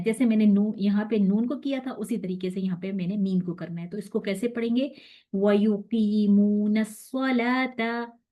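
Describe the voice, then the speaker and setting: Patient woman teaching tajweed, lo-fi. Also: medium pitch. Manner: patient explaining, stretches recited verses slowly; checks in with "theek hai?". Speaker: Quran recitation teacher. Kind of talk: online tajweed lesson.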